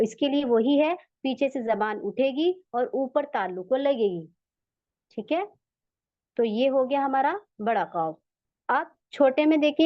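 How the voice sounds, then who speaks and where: A high-voiced woman with an Urdu accent teaches recitation at an unhurried pace, patiently repeating each sound so students can copy it. The recording is dry and a little dull. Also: no echo. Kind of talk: slow step-by-step lesson.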